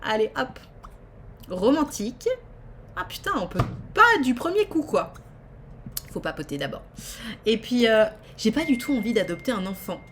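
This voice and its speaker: A woman giving chatty, playful commentary while she streams a life-simulation game. She swings from excited squeals to low muttered asides. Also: normal speed, a little hiss or hum. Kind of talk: casual live game commentary.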